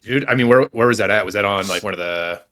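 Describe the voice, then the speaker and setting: A young man co-hosting a podcast tells rambling stories about himself, packed with "like" and "dude" and plenty of self-mockery. His voice is lowish, fast, and a bit bright.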